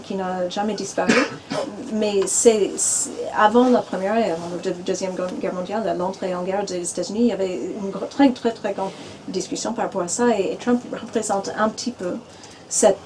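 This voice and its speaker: A woman's voice: medium pitch, fairly even intonation, moderate pace, dark tone, a little hiss or hum, poor audio. A woman panelist explaining a point fluently in a discussion at a bookshop. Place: bookshop event room.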